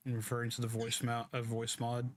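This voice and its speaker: A man's voice: mid-range voice, completely flat delivery, a little fast. A man giving casual gaming commentary as he streams. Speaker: game streamer. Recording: faint background noise.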